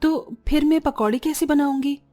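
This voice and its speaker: A woman voicing a meek, gentle young bride in a cartoon story, speaking softly and pleadingly. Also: sits high, moderate pace, soft background music, pitched above the performer's own voice, natural voice. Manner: soft, pleading.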